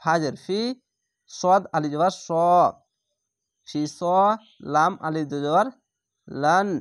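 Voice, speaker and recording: A man with a voice on the high side teaches Quran reading at a slow pace, spelling out each letter and vowel mark before blending the syllables. Between drills he explains patiently, and the recording is dry with clean studio sound.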